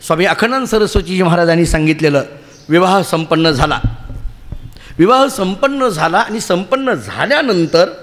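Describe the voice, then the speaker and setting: Male kirtan preacher, high voice, long hall reverb, chatty storytelling, asks the crowd questions. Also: fairly bright tone. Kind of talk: sermon storytelling.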